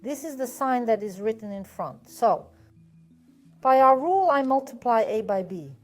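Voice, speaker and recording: A woman's voice: a little high, lively intonation, normal speed, soft background music. A woman teaching a math lesson step by step, patient and methodical, often asking a question and then answering it herself.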